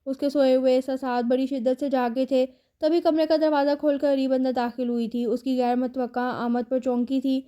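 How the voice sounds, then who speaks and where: A woman reading a romance novel aloud in a steady, even storytelling manner. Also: high-pitched, hardly any pauses, clear, resonant tone. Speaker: narrator.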